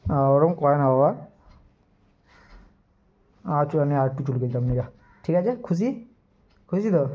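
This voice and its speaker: A man's voice: fairly high pitch, moderate pace, warm tone. A man vlogging as he plays with his pet dog, coaxing and teasing it in affectionate baby talk. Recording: dull lo-fi phone audio.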